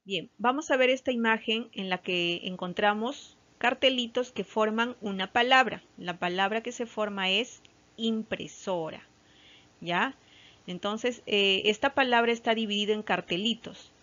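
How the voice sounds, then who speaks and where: Slow, patient woman teacher. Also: mid-range voice, a bit bright, lo-fi sound. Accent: Peruvian Spanish. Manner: slow, patient, with frequent "¿ya?" check-ins. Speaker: primary school teacher. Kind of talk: recorded online lesson for children.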